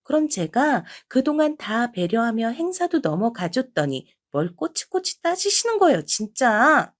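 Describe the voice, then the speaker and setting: A woman's voice: fairly high pitch, sing-song, measured pace. A woman voicing a snide, condescending younger sister-in-law in an audio drama, talking down with mocking sarcasm.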